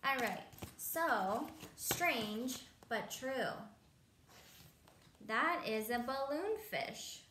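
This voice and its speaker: Seated at a table in a home room, a woman in her thirties reads a picture book to young children, adding simple explanations and questions. Her high-pitched voice is animated, and she draws out her words. The home recording is echoey and clearly noisy.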